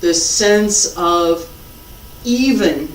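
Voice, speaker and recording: Slow, calm tai chi instructor in echoey room. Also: mid-range voice. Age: middle-aged or older. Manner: calm, unhurried, sparse instructional phrasing. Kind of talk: spoken tai chi movement cues and teaching. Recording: echoey room, distant mic, faint noise.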